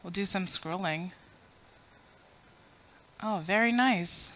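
She takes it slowly, her mid-range voice a bit bright. The speaker is a woman in her thirties from Afghanistan, giving a chatty, self-deprecating talk at a conference podium mic and polling a roomful of listeners.

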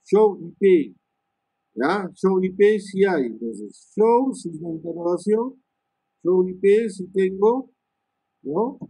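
A male networking instructor talks students through switch commands, thinking aloud, tagging lines with "¿no?" and filling pauses with "este". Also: high voice, lively intonation, mellow, husky, dry recording, rough recording. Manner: many "este" fillers and restarts. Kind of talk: live screen-share lesson on switch commands.

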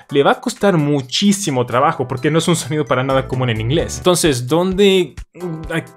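A man giving a casual, animated talk about learning languages, with plenty of fillers and restarts. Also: mid-range voice. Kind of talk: casual educational talk to camera.

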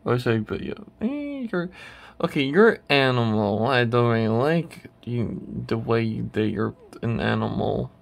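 A man's voice: mid-range voice, measured pace, gravelly, hardly any pauses. A man hosting his channel, chatting casually while ranking a tier list, rambling and hesitant with many restarts. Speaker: channel host.

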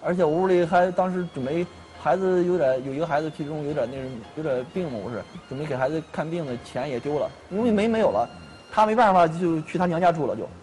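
A man's voice: fairly high pitch, fast talker, a little mellow, faint music behind. A man in his thirties recounting a family property dispute to a mediator, earnest and repeating himself.

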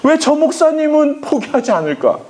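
Male pastor, high and very animated delivery, emphatic parent seminar in a lecture hall. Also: normal speed. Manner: emphatic, acts out quoted voices, often says "막". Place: lecture hall with live audience.

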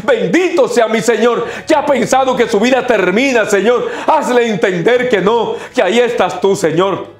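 Fervent high-voiced priest praying. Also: male voice, moderate pace, few pauses, reverberant, soft background music. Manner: fervent, repetitive invocations. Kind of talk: intercessory prayer.

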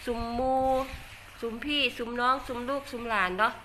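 Older woman, Isan Thai accent, chatty livestream talk, bright edgy voice, faint ambience behind. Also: a little high, steady tone, moderate pace, a little hiss or hum. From Northeast Thailand. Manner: chatty, laughs often, self-mocking. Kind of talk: casual livestream chat reading comments.

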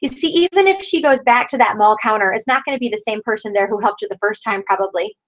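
A middle-aged woman leading a sales team training over a video call, energetic and encouraging, often calling her listeners "you guys". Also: medium pitch, quick pace. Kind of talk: upbeat team training talk. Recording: dull lo-fi video call audio.

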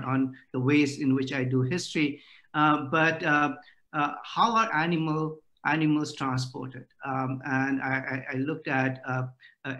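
A man's voice: medium pitch, a bit bright. A middle-aged man giving an academic lecture over a video call, with many "uh" fillers.

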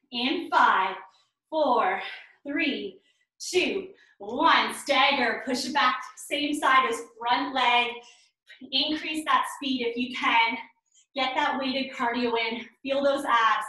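A woman's voice: high-pitched, bright, forceful tone. A woman in her thirties coaching a workout with counts and cues, encouraging and urging while she exercises along. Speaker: fitness instructor. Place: small bare indoor room at home. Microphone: camera a few meters away. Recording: echoey bare room, distant mic.

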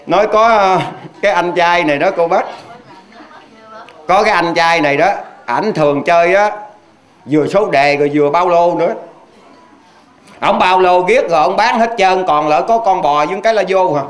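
Man, Southern Vietnamese accent, Buddhist preacher, folksy storytelling sermon, high voice, chatty rhetorical questions. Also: normal speed. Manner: chatty, addresses the audience directly with rhetorical questions. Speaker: Hoa Hao Buddhist preacher.

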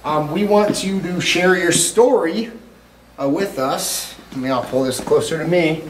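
A man with a voice on the high side hosts a casual paranormal investigation vlog in an empty school, rambling at a measured pace and addressing unseen spirits. His words echo heavily off the bare walls of the empty hall, and there is a faint hiss in the recording.

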